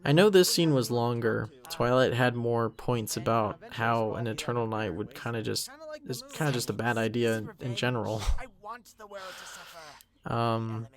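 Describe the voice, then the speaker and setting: The young man behind an animated parody series offers a relaxed commentary, drifting between points, faulting his own work, and often stopping mid-thought. He speaks at a medium pitch with fairly even intonation and no rush.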